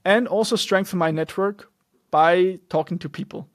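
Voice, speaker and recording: Pitched high and speaking at normal speed, this young man from Switzerland hosts a solo podcast in English, captured in a dry, clean studio recording. He grew up speaking German, and his earnest, loosely structured monologue keeps breaking into restarts and fillers.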